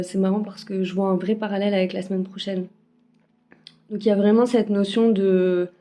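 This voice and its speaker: A woman's voice: mid-range voice, warm tone. A woman giving a casual weekly spiritual card forecast, hesitant, with many fillers and restarts, recorded on a phone. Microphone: phone camera.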